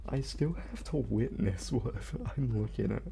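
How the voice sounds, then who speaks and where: A man's voice: lowish voice, moderate pace, vocal fry, heavy background noise. A man giving casual, scared and uneasy commentary as he plays a horror game, often muttering his reactions. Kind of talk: casual let's play commentary. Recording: game music behind the voice. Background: game music.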